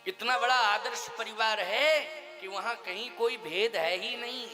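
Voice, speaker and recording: A man's voice: sits high, a little slow. A man preaching a devotional sermon, telling stories animatedly, laughing often and putting questions to his listeners. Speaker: religious preacher. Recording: music playing behind.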